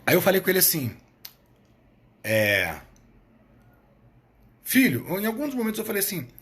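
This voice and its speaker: A middle-aged man with a fairly high voice talks on a live stream in a blunt, emphatic way. He hammers his points by repeating them and drops casual swear words. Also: wildly swooping pitch, normal speed, fairly bright tone. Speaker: live stream host, therapist coach.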